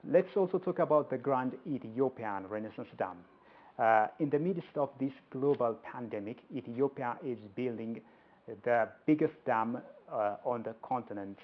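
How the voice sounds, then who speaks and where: A man's voice: medium pitch, normal speed. A man working as an interviewer, putting formal questions to a guest. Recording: dull lo-fi audio.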